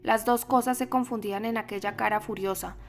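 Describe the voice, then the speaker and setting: A woman with a Latin American Spanish accent reading an audiobook in a dramatic, expressive manner. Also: fairly high pitch, fairly quick, faint music behind. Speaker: audiobook narrator. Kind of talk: scripted audiobook narration.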